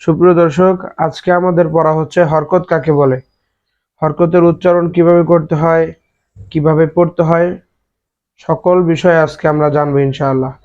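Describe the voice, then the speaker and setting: A male Quran reading teacher giving a recorded lesson to viewers. He asks the viewer questions and drills the letters in a steady chant. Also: a little high, moderate pace. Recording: dull lo-fi audio.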